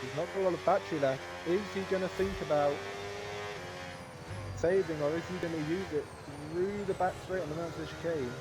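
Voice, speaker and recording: High-pitched male motorsport commentator amid loud engine noise. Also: a little fast. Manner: play-by-play motorsport commentator delivery. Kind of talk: live racing commentary for a video game league. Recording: very noisy, loud car sound. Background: loud car engine noise.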